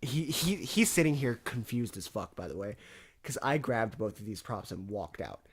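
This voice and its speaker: A man casually telling a story with a co-host, animated and swearing freely. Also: on the low side, normal speed, husky. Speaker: podcast co-host.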